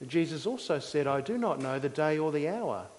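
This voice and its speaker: Higher-voiced male preacher in an echoing hall. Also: animated, darkish tone, slight background noise. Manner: measured, didactic, explaining simply in short phrases. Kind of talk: teaching sermon. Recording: long hall reverb.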